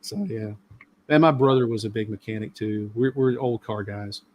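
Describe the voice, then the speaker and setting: A man's voice: fairly low pitch, moderate pace, darkish tone. A middle-aged man hosting a live stream, talking casually and at length with many fillers. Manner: rambling, talkative, lots of fillers.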